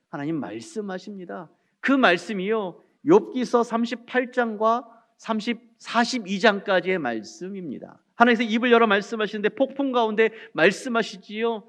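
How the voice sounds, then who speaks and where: A man's voice: high-pitched, animated, normal speed, few pauses. A male pastor preaching a sermon, earnest and often turning to address the congregation directly.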